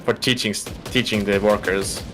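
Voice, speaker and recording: A man's voice: on the low side, fairly even intonation, moderate pace, over music. A man who is not a native English speaker, chatting casually during a game stream, explaining at length and stopping to search for words. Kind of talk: casual chat while gaming.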